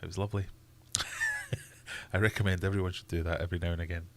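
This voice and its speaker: This Scottish livestream host has a deep voice whose pitch swoops wildly, and he talks a little fast over a noisy background. He's chatty and laughs often, reading viewer comments out loud.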